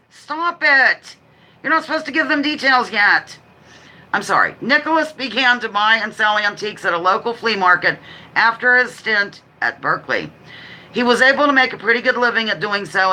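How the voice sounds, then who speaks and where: A woman hosting a casual live stream, chatting quickly and reading out trivia questions with rambling, apologetic asides. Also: medium pitch, bright, forceful tone, low-quality recording. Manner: talks quickly. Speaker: livestream host running a trivia quiz. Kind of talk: casual live chat with read-out quiz questions.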